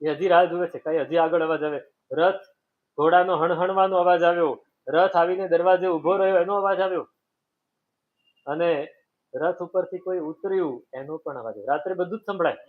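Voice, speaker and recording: Male preacher, high-pitched, animated storyteller doing voices, tinny lo-fi audio. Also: normal speed. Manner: acts out voices and sounds in a story. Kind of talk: devotional sermon with storytelling. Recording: tinny phone-like sound.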